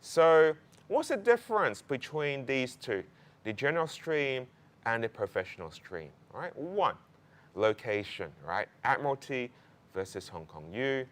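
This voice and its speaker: This law program presenter has a mid-range, sing-song voice and a measured pace. He informs prospective students in an emphatic, conversational style, often dropping in little tags such as "right" and "okay."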